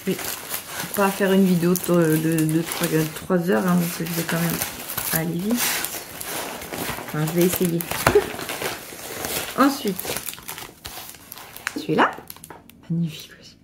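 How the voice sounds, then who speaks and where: A middle-aged woman gushing excitedly as she unboxes a craft parcel, with stumbling restarts. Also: fairly low pitch, a little slow, pauses often, noisy background. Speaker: crafting vlogger. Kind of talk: casual unboxing chat.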